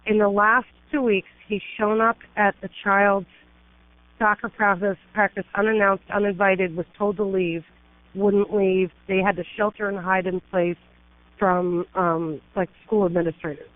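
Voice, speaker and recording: In a level, medium-pitched voice that runs a little slow, a middle-aged female lawyer calls an emergency line, pleading urgently and listing complaint after emphatic complaint. The recording is dry, coming through a tinny telephone.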